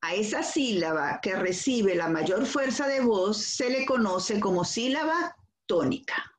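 Slow, careful Venezuelan woman teacher. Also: mid-range voice, expressive, crowd noise. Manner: slow, careful explanation with examples and rhetorical questions. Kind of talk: recorded school lesson on accentuation. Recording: echoey room.

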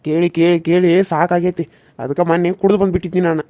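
A woman voicing a gentle young village husband in a cartoon serial, earnest and pleading, with a North Karnataka accent. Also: lowish voice, little pitch movement, quick pace, close to an everyday voice. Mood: frustrated. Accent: North Karnataka Kannada.

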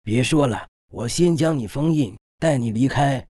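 A man's voice: medium pitch, normal speed, darkish tone, close to an everyday voice. A man voicing a grave, commanding male sword master in an audiobook, speaking with solemn authority.

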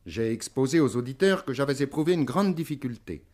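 A man's voice: mid-range voice, animated, darkish tone. Formal French radio interviewer, man. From France. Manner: formal, measured, reads prepared introduction.

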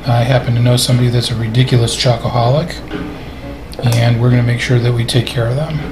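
A man giving a relaxed, step-by-step cooking lesson over his video, explaining each move in a home kitchen. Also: medium pitch, quick pace, echoey room, over music, poor audio. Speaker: cooking instructor.

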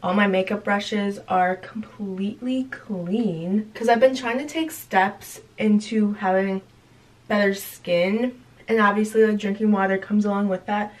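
In an unhurried, mid-range voice, a young adult woman who's a college student vlogs her day at home and at work, chatting casually into a phone camera held close. She sounds chatty and relaxed, sometimes trailing off softly. The rough recording was made indoors in a small apartment and an office.

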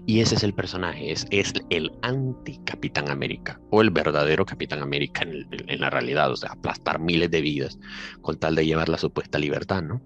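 A man's voice: extremely low pitch, brisk, fairly bright tone. A man giving a casual, emphatic film review, swearing freely and repeating filler phrases. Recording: slightly dull audio with faint music behind.

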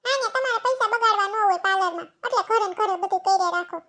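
A pack of shrill, bossy village women in a cartoon, with a Kathiawadi accent. The voice sits sky-high and bright, racing along as it nags and hollers. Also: female voice. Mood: gossipy. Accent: Kathiawadi Gujarati. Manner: shrill, quick, nagging and shouting. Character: loud bossy village women, middle-aged, scolding. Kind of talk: cartoon comedy voice acting.

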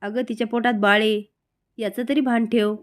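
A protective young man who pleads urgently to stop the scolding, voiced by a woman reading it out. The voice stays a little high, close to her own. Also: fairly even intonation, moderate pace, lightly acted. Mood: pleading.

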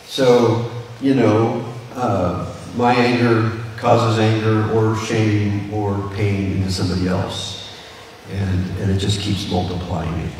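A man's voice: on the low side, flat delivery, takes it slowly, a little mellow. A man gives a conversational sermon, circling back and restarting his sentences as he explains. His voice carries through a large church hall with a long reverb. He sounds a little distant from the mic, with faint room noise underneath. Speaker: pastor. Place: church sanctuary.

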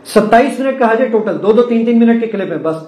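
A man's voice: very high-pitched, expressive, darkish tone. A man giving a live presentation to an audience, demonstrating an app and explaining each step to the room. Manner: explanatory, addresses audience directly. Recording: echoey hall.

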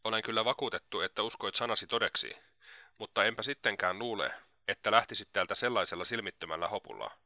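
Audiobook: male reader voicing a haughty young gentleman, measured and cool; dry, close sound. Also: on the low side, no echo. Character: proud, reserved young gentleman.

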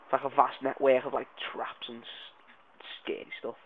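A man giving excitable, jumpy let's play commentary, swearing and yelling when startled. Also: medium pitch, moderate pace. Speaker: gaming video creator. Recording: tinny lo-fi mic sound.

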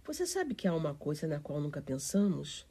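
A woman's voice: low-pitched, big pitch swings, a little fast, dark tone, husky, exaggerated voice. A woman voicing a sickly, imperious young boy who gives orders in a storybook reading. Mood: commanding. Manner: bossy, insistent.

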